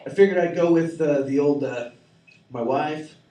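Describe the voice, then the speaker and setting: A man in his forties performs an open-mic stand-up set in a small cafe, rambling, swearing, and mocking himself. His voice is mellow and a little high, at a moderate pace. The mic sits at a distance in an echoey room.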